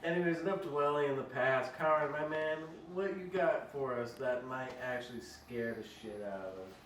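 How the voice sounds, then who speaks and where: A man's voice: mid-range voice, normal speed, fairly bright tone, lightly acted. A man playing a cheeky, slangy friend who teases his buddies at an amateur script table read. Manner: slangy, teasing. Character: cheeky male buddy hosting friends swapping scary stories. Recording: roomy, far from mic, faint noise.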